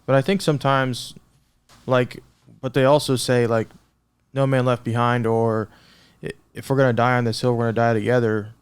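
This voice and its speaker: A man's voice: medium pitch, level tone, moderate pace, clear, resonant tone, dry recording. A man hosting a podcast, thinking aloud in a reflective, casual way with fillers. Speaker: podcast host. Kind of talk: casual interview chat.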